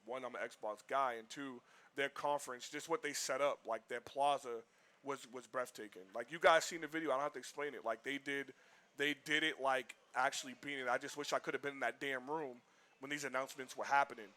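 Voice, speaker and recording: Bright-voiced man, rambling. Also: mid-range voice, a little fast. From Boston, US. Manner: rambling, animated, heavy with "like". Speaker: livestream co-host. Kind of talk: casual chat.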